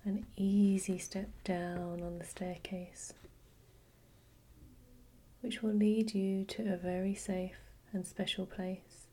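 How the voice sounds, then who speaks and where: A woman whispering a slow, soothing guided relaxation with gentle repetition. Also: medium pitch, little pitch movement, husky. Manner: soft unvoiced whisper. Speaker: hypnosis guide.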